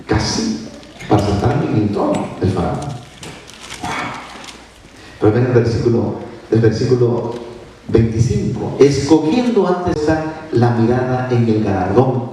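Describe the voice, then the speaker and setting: A man preaching a sermon to a congregation, emphatic, swinging between loud and hushed lines and asking the people questions. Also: mid-range voice. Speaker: minister preaching. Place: church sanctuary. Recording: distant, very echoey church recording with faint noise.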